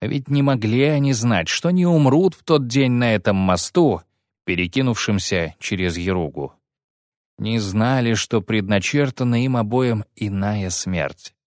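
A man narrating an audiobook in a steady, dramatic storytelling manner. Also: fairly low pitch, a little slow, no room sound, studio quality.

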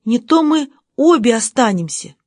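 A woman's voice: a little high, animated, normal speed, no room sound, clean studio sound. A woman reading a pleading young girl. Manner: pleading, emphatic.

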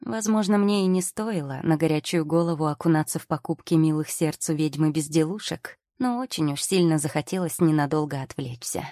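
A woman's voice: low voice, a little fast, few pauses, dark tone, no echo. A woman narrating an audiobook in the first person with a wry, ironic storytelling manner, recorded on a close studio mic.

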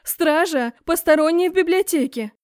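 A woman's voice: fairly high pitch, normal speed, mellow, no echo, studio quality, lightly acted. A woman voicing a haughty, hysterical empress who shrieks and snaps at everyone. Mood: shrieking. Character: hysterical shrill fire-breathing woman, an empress.

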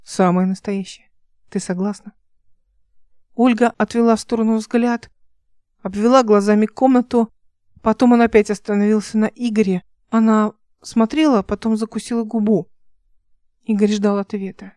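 A woman narrating an audiobook in an even, measured way. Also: a little high, no room sound, clean studio sound.

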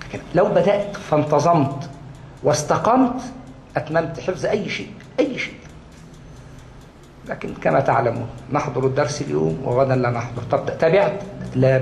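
A man's voice: fairly high pitch, creaky, darkish tone. A man with an Egyptian Arabic accent giving a religious lesson to a class, repeating key words for emphasis and answering his own questions. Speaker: Islamic studies lecturer. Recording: echoey room, faint background noise.

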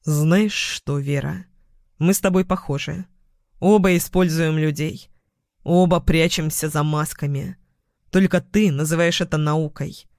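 A man's voice: a little high, steady tone, measured pace, no echo, studio quality. A man voicing a bitter, cynical young man who turns accusing and raises his voice in anger. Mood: challenging. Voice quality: hoarse. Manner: shouting, accusing.

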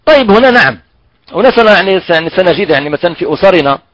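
A man teaching Quran recitation in a halting way, often stretching out syllables slowly to demonstrate how they are pronounced. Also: high-pitched, lively intonation, fairly bright tone, no room sound, poor audio. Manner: halting, repeats and drags out sounds to demonstrate pronunciation. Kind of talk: recorded online tajweed lesson.

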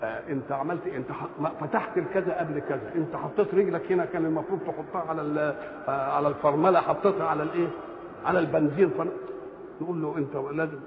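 A man's voice: on the high side, rapid-fire, background noise. An older man with an Egyptian accent giving a colloquial religious lesson, asking rhetorical questions and answering them himself. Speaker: Quran commentator. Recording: tinny lo-fi recording in echoey hall.

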